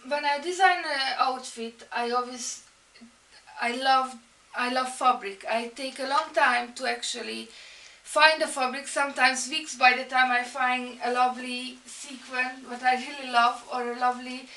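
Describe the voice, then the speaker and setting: A woman's voice: sits high, fairly even intonation, measured pace, sharp tone, roomy sound, recorded from a distance. A woman from Hungary, speaking English with a Hungarian accent, introducing herself as an art and fashion student, with many ums and restarts. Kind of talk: personal introduction video.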